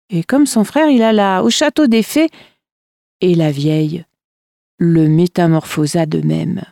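Woman telling old fairy tales real slow, expressive, dry close mic. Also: lowish voice, creaky, no room sound. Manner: measured, expressive storytelling. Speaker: storyteller. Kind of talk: reading folk tales aloud.

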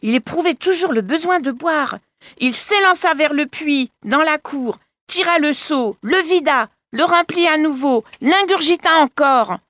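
Slow, expressive woman storyteller. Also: fairly high pitch, dry recording. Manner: slow expressive reading, addresses listeners. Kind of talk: scripted narration of a folk tale.

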